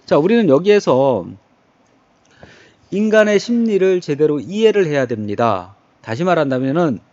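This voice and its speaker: A man's voice: on the high side, a little mellow, dry recording. A man teaching a poetry lesson. He poses rhetorical questions, answers them himself and slips into casual banter. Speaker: literature teacher. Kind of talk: online lecture on poetry. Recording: dull, dry lo-fi recording.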